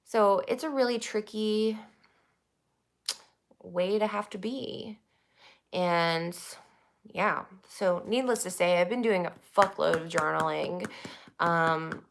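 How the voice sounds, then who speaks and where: A woman's voice: fairly low pitch, gravelly. A young woman chatting casually on her channel, rambling, swearing freely and laughing often. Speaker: YouTuber. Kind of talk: casual livestream chat.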